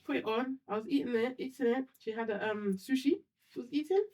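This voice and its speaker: A woman co-hosting a podcast, an easygoing, animated storyteller in casual chat. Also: on the high side, fast talker. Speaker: podcast co-host.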